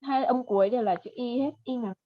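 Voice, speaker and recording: A woman with a Vietnamese accent leads a one-on-one pronunciation lesson, repeating each word slowly and patiently. Her voice sits a little high. The call audio is dull and dry. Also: no room sound. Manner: patient, models words slowly and repeats them. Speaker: English pronunciation teacher.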